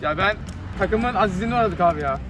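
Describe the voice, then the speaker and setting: A man's voice: high voice, quick pace, over a noisy crowd. A young man who played in the match, joking and teasing in casual post-match banter outdoors. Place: outdoor neighborhood pitch.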